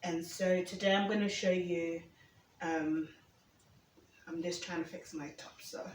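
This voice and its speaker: A woman from Uganda who vlogs about cooking talks casually while preparing food in her home kitchen, checking in often with "okay?". Her voice sits on the low side, with fairly even intonation, a measured pace and a slightly mellow quality. Slight background noise and faint ambience fill the roomy recording from a distant camera mic.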